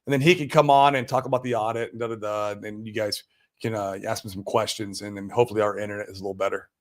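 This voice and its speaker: Talking at a quick pace in a steady, lowish voice, an American livestream host chats casually with his audience. He answers viewer comments live using slang and lots of exclamations.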